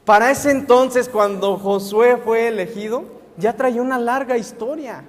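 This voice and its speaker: High-voiced young preacher, echoey church. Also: male voice, unhurried. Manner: asks the congregation questions and answers them himself. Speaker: guest preacher. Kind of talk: sermon. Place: church sanctuary. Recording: echoey hall with long reverb.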